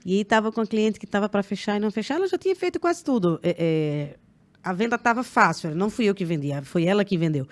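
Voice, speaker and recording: Brazilian lady hosting a podcast, medium voice, tells stories all lively. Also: medium pitch, fast. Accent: Brazilian Portuguese. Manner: lively storyteller who acts out quoted dialogue. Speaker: podcast host, lawyer. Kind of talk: casual podcast chat.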